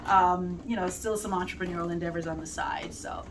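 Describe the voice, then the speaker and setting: Woman educator, um-filled measured talk. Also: lowish voice, steady tone. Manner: measured, with frequent "you know" and "um". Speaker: guest, educator. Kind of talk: casual chat. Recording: distant mic in a noisy crowd.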